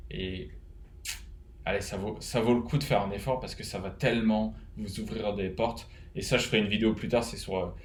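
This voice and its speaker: A man's voice: fairly low pitch, roomy sound, slight background noise. A man from France with a French accent, casually giving advice to fellow web developers, rambling with many fillers and restarts. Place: home, living in Canada.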